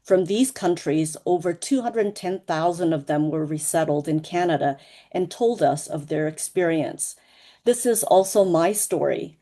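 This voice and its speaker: A woman from Laos, a co-author presenting at an online book launch, speaking in a measured, earnest way over a video call. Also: lowish voice, warm tone.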